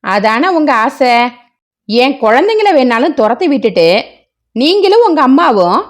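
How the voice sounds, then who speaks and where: A woman's voice: high-pitched, very animated, unhurried. A woman voicing a tearful, bitter middle-aged wife with a wailing, reproachful manner.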